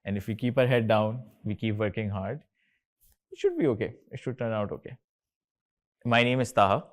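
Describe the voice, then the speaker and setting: With a lowish, sing-song delivery at normal speed, a Pakistani-accented man from Karachi leads an easygoing conversation with students. He's in his thirties, co-founded a company, and frequently mixes Urdu into his English.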